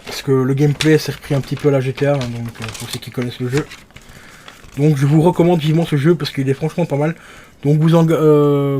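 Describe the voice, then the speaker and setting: A man's voice: mid-range voice, a little hiss or hum. A young man chatting casually about his game collection, rambling with lots of fillers and restarts. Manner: relaxed, rambling with many fillers. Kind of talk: casual chat.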